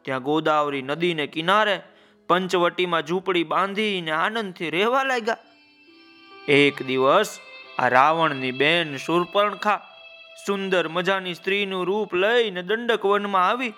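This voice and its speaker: A man's voice: high voice, a little slow, pushed and bright, soft background music. A man narrating a children's story, calling out to his listeners with folksy asides.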